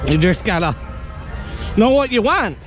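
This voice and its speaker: Very high-voiced, swoopy American man chatting. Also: very animated, a little slow, dull audio, over music, a crowd in the background. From United States, Wisconsin. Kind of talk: casual chat with vendors and companions. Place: outdoors at a busy air show.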